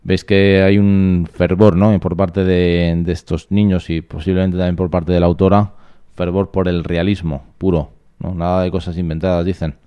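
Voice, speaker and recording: A man reading a novel aloud and commenting on it, in a measured, reflective way that leans on tag questions. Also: low-pitched, little pitch movement, clean tone, lo-fi sound. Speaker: book reader and commentator.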